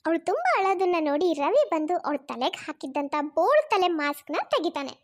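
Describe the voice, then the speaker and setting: A woman's voice: extremely high pitch, big pitch swings, fairly quick. A woman narrating a cartoon story and signing off with a friendly appeal to viewers. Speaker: channel narrator.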